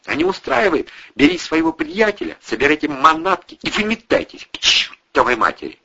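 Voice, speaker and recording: A man doing a cold, shouting landlady. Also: fairly high pitch, wildly swooping pitch, fairly quick, creaky, husky, dull audio, voice pushed up, exaggerated voice. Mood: cold and firm. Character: stern cold landlady woman, middle-aged.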